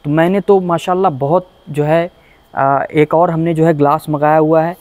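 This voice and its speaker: A man's voice: on the high side, steady tone, moderate pace, darkish tone, no room sound. Earnest man pleading about workshop safety. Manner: earnest, pleading, repeats himself. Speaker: auto technician. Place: car workshop.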